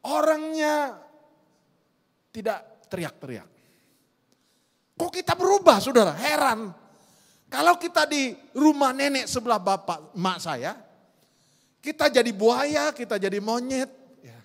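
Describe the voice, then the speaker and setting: High-voiced pastor preaching in a reverberant church. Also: male voice, big pitch swings, unhurried, pauses often. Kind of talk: sermon. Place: church hall. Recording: long church hall reverb.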